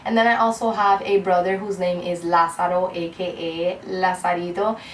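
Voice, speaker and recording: Sitting off-mic in a room at home, the twenty-something Cuban beauty vlogger rambles warmly and openly to her camera. This time her fairly low voice is flat, at normal speed, and the recording keeps its echo and faint hiss.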